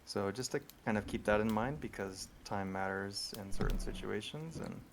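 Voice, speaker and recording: A man running a tabletop horror game over group voice chat, talking in a relaxed, rambling way with many ums. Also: on the low side, moderate pace, vocal fry, noisy background. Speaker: game master.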